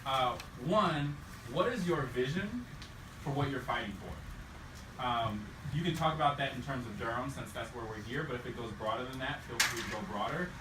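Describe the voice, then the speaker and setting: A man's voice: medium pitch, moderate pace. Casual male moderator in a roomy space. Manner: loose and informal, with "um" and "uh" fillers. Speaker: panel moderator. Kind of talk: casual moderating of a group discussion. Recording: roomy, distant mic, clear background noise.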